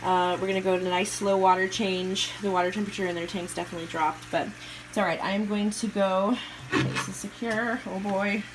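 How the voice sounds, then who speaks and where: A chatty woman talks through a home project in a casual vlog, excitable and quick to giggle. Her voice sits at an ordinary middle pitch. A faint hum of the house runs under the camera's mic. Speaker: goldfish keeper vlogger. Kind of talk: casual home video narration. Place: home room with a fish tank.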